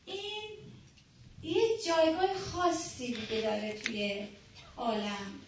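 A woman with a high voice teaches a religious class, working through her points step by step and stopping to ask the room rhetorical questions. She sounds far from the microphone in a very echoey room, and the recording is dull with faint background noise. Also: sing-song. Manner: explains step by step, tells anecdotes, asks rhetorical questions.

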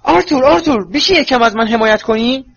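A man voicing an anxious, fierce middle-aged mother in a storybook reading, pitched high and shrill. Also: sing-song, fairly bright tone, slightly rough, dry recording, exaggerated voice. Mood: pleading. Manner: shrill and pleading. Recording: dull lo-fi recording.

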